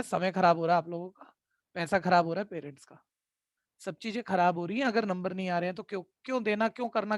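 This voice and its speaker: A man's voice: sits high, a bit bright, no room sound. Man, math tutor, stern lecture, scolding tone, dry close sound. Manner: keeps asking "ठीक है?" to check in. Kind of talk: online class lecture.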